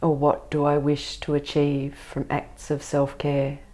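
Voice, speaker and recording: A woman leading a guided meditation and body scan in a soft, soothing, gentle voice, speaking in short, spaced phrases. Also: sits low, monotone, a little slow.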